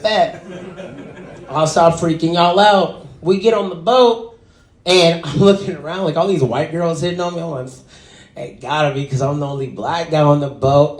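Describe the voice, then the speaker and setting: A young man telling a stand-up story with a fairly high voice that leaps up when he acts out other people. His voice carries a roomy echo. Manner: animated, acts out quotes with big pitch jumps. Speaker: stand-up comedian.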